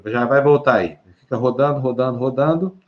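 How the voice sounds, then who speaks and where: A man's voice: medium pitch, a little fast, a little hiss or hum. A man with a Brazilian Portuguese accent hosting a live stream in a chatty, teasing way. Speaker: host. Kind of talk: casual live-stream chat. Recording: dull lo-fi stream audio.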